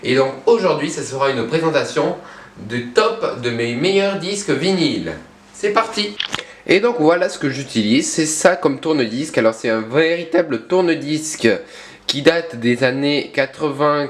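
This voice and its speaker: A man's voice: mid-range voice, animated, moderate pace. A young man presenting his own vlog casually, hesitant, with many fillers and self-corrections. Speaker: vlogger.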